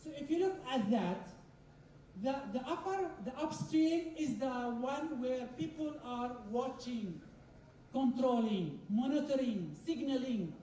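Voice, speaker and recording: Picked up by a distant microphone in an echoey hall with slight background noise, a Kuwaiti woman gives a technical talk at a conference. She walks through each step, repeats phrases, and questions the audience, her high, mellow voice lively in intonation and unhurried.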